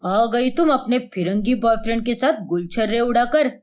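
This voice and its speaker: Jealous cartoon husband, lower and heavier than the narrator, pleading, voiced by a woman. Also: normal speed, a little mellow, slight background noise, close to an everyday voice. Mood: accusing. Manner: pleading, repeated apologies. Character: jealous young husband, accusing then pleading.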